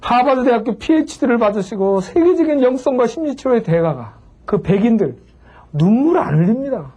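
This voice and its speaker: A man preaching in Korean, telling a personal story with animated swings from hushed to crying out, acting out the voices he quotes. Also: extremely high pitch, fairly quick, slightly rough. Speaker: pastor and lecturer. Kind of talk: sermon-style storytelling lecture.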